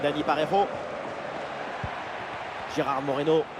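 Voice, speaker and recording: An actor playing an excitable football match commentator in a video game, giving excited sports commentary. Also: male voice, fairly high pitch, measured pace, lightly acted. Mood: focused. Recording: loud stadium crowd noise behind. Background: stadium crowd.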